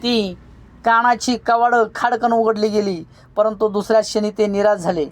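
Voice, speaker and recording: A narrator reads a novel aloud with a measured, steady storytelling delivery. The voice sits at a middle pitch and keeps an even pace.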